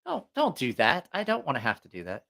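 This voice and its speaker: Animated man rambling on a livestream, bright voice. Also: a little high, brisk, vocal fry. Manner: profane, jokey, digressive. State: congested with allergies, short of breath. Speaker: livestream host reviewing knives. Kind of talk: casual rambling livestream chat.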